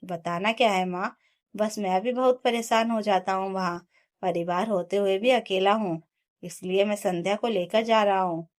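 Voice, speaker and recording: Female narrator doing a resolute young husband, earnest storybook voice, mid pitch. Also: steady tone, moderate pace, natural voice. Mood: firm. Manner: firm, earnest.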